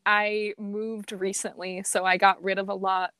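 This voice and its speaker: A podcast guest, an amateur performer and cosplayer, chats casually and earnestly through her anecdotes. Her mid-range voice is a bit bright and smooth, with flat delivery at a measured pace and no echo.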